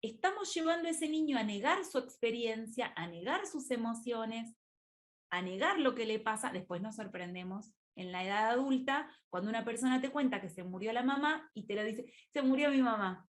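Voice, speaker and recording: A woman's voice: fairly high pitch, lively intonation, normal speed. A woman with a Rioplatense Argentine accent teaching flower therapy in a live online class, reading out student questions and modeling how a therapist phrases things. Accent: Rioplatense Spanish.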